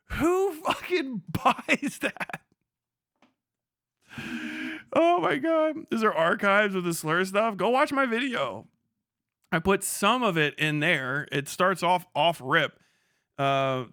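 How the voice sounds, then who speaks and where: A livestream host talks casually to his live audience, profane, sarcastic and incredulous, repeating phrases for emphasis. His high-sitting voice is pushed and bright, captured at studio quality with no echo.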